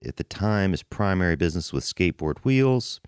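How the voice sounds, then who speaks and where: Deep-voiced male podcast host, dry close sound. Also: big pitch swings, normal speed, smooth, dry recording. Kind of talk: casual podcast introduction monologue.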